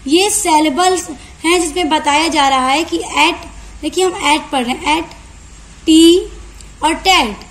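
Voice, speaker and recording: A woman teacher, explaining a lesson to students. She reads definitions slowly, then explains them in quick, long runs. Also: very high-pitched. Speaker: online tutor. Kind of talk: lecture for university students.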